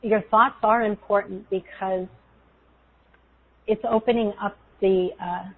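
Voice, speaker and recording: Slow, even-toned woman on a phone-like line. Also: mid-range voice. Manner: soothing, unhurried, pausing between phrases. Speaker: guest energy healer leading a guided meditation. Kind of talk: guided meditation and spiritual talk. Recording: tinny, phone-like call audio.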